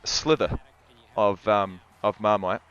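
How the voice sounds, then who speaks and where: A man's voice: lowish voice, takes it slowly, fairly bright tone, clear, resonant tone, highs cut off. A man with a New Zealand accent casually commentating a football livestream and reading out chat, rambling and restarting often.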